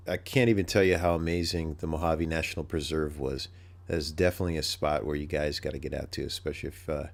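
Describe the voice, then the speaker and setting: A man's voice: sits low, creaky. A man with a nasal voice hosting a podcast, rambling thoughtfully and thinking aloud in a casual solo talk. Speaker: podcast host.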